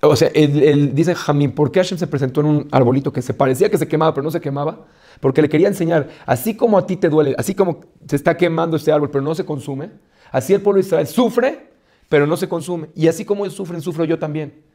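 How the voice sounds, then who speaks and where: A rabbi giving a Torah lesson, asking rhetorical questions, restarting phrases and weaving in Hebrew terms. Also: male voice, a little high, fast, mellow.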